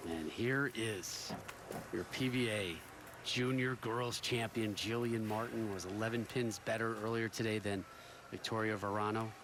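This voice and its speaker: A man calling a televised bowling match as play-by-play commentator, reeling off stats briskly. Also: fairly low pitch, steady tone, noisy background. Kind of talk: sports broadcast commentary.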